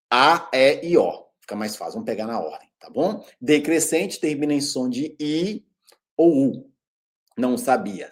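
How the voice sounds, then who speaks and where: Lively Brazilian man teaching grammar. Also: on the high side. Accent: Brazilian Portuguese. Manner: lively, calls out to viewers, drawn-out example words. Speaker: Portuguese teacher. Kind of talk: video grammar lesson.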